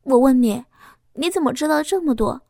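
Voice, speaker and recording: A woman's voice: high-pitched, moderate pace, vocal fry, dark tone, no room sound, clean studio sound. A woman voicing a bashful woman near forty who speaks in a coy, girlish way. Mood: tender.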